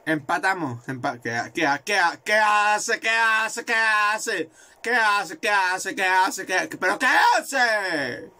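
A man commentating his own football video game, excitable and swearing, repeating words in rapid bursts. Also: high voice. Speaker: gaming video creator.

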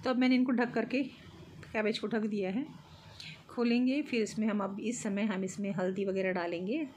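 A woman's voice: medium pitch, steady tone, normal speed, a little mellow. Home cooking vlogger, woman, middle-aged; friendly step-by-step chat, phone-recorded with faint noise. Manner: chatty, explains step by step, light laughs. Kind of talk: casual cooking narration. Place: home kitchen.

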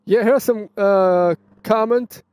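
This high-voiced man takes his time, sounding a little mellow as he answers viewers' questions. He is a Swiss motovlogger with a Swiss German accent, chatty and prone to restarting sentences in a casual vlog filmed outdoors beside a roadside bench. The sound is clean studio quality with no room sound.

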